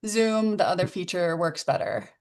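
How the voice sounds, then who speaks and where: A woman's voice: fairly low pitch, animated, moderate pace, darkish tone. A woman hosting a webinar over a video call, speaking politely and apologetically when she breaks in. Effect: video call audio. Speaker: webinar host.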